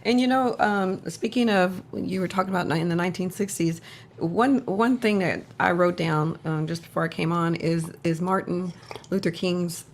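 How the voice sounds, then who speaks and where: A woman's voice: on the low side, moderate pace, a little hiss or hum. Older woman, earnest rambling ministry talk. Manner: earnest, rambling, with self-corrections and testimony-like conviction. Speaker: ministry co-host. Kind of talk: casual faith and politics talk.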